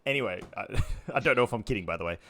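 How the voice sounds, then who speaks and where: A man's voice: on the low side, expressive, rapid-fire, a bit bright, slight background noise. An Australian man streaming a tabletop game, chatting with a playful manner. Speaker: streamer and player.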